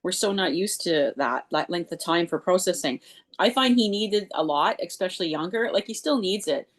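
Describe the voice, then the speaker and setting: A Canadian mother speaks on a video call in a slightly low voice. She rambles openly, thinking aloud and filling her sentences with "like.". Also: lively intonation, moderate pace. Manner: candid, rambling, many "like" fillers. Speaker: parent of a deafblind teen. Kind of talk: online group discussion.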